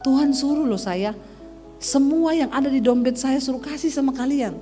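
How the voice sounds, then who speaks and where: A woman's voice: high-pitched, normal speed, warm tone, big-room sound, soft background music, lightly acted. A woman preacher quoting a generous rich businessman who keeps insisting. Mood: insistent. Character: kindly rich older businessman.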